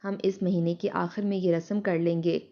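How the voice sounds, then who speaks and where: A woman's voice: fairly low pitch, level tone, close to an everyday voice. Bossy, lecturing village aunt read by a woman, slightly muffled storybook recording. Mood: insistent. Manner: insistent, lecturing.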